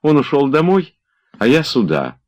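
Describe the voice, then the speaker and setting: Man putting on a young woman, teasing and light, lively swings in pitch, storybook reading. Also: normal speed. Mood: playful.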